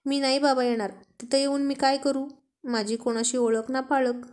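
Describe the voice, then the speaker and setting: A woman's voice: sits high, level tone, moderate pace, darkish tone, natural voice. A woman reading the lines of a witty, affectionate young wife, playful and coaxing.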